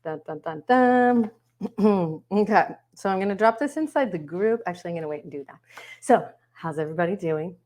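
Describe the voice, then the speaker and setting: A woman's voice: on the low side, quick pace, darkish tone. A woman hosting a live online workshop from home, chatting upbeat with viewers in the comments over a webcam. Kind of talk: casual livestream hosting. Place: home, yard work heard outside.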